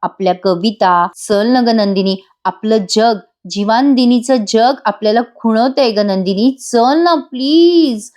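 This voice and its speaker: A woman's voice: medium pitch, steady tone, a little slow, few pauses, a little mellow, close to an everyday voice. A woman voicing a pleading young husband, a playful rickshaw driver, in a coaxing, teasing manner.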